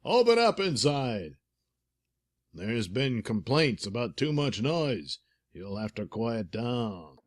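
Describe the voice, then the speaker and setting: A patient young cop with a dry, even delivery, as a man reads him, close to the reader's own voice. His lines come out plain and unhurried. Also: mid-range voice.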